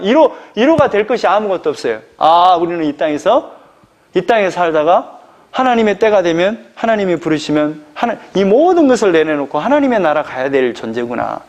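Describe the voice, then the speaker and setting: A man preaching an expository sermon as pastor, animated, asking the congregation rhetorical questions. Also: high-pitched.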